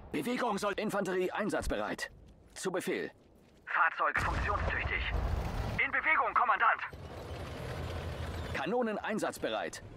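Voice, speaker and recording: An actor playing a dutiful German army soldier in a video game, giving short, clipped readiness reports to a commander. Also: male voice, high voice, big pitch swings, moderate pace, pauses often. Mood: brisk, alert. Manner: clipped, dutiful military delivery. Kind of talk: video game unit voice lines, short military barks. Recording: gunfire and artillery noise behind.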